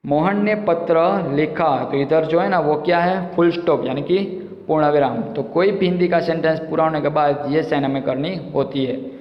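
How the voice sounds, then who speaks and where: A male teacher works through a grammar lesson in a patient way, repeating points and asking the class questions. His voice sits fairly high. The sound is dull and lo-fi, with a long echo from the room. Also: normal speed. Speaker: school teacher. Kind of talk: explaining a Hindi grammar lesson.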